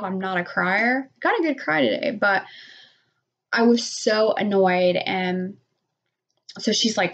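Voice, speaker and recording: A woman's voice: medium pitch, creaky, muffled recording. A middle-aged woman telling a story in a casual vlog, rambling and saying "like" a lot. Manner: rambling, heavy use of "like", animated retelling. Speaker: vlogger.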